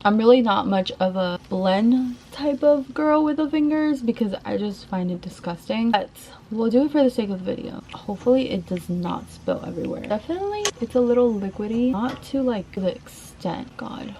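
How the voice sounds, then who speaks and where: A woman's voice: fairly high pitch, animated, moderate pace, hardly any pauses, mellow, rough recording. A woman chatting casually and informally to her viewers in a girly way, as a beauty vlogger giving a makeup tutorial. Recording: clear background noise of rain. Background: rain.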